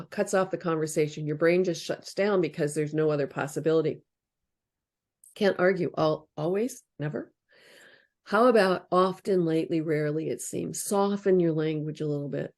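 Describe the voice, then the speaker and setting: Speaking in a low, slightly mellow voice at a moderate pace, a woman is interviewed about relationship books. She explains advice in a casual, practical, reflective style and acts out example lines.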